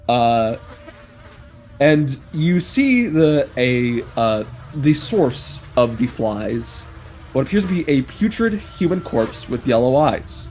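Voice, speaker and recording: A man improvising tabletop game narration as game master, stammering and halting as he goes. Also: medium pitch, darkish tone. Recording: clear background room noise.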